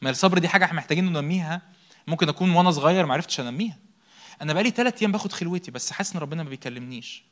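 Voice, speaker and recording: A man's voice: on the high side, animated, rapid-fire, a bit bright. A young man with an Egyptian Arabic accent preaching a sermon, asking rhetorical questions, answering them himself and repeating key words for emphasis.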